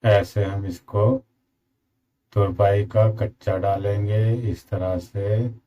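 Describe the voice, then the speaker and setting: A man with a slightly sore throat gives a slow, repetitive step-by-step sewing tutorial as a tailoring instructor. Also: lowish voice, flat delivery, mellow, highs cut off. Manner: slow, repetitive instructions addressing viewers as friends.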